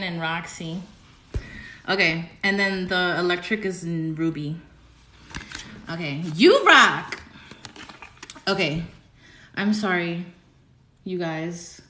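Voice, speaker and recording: A young woman giving a casual livestream tarot reading, chatty and excitable, rambling with giggles. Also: on the low side, roomy sound, slight background noise. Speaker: tarot reader.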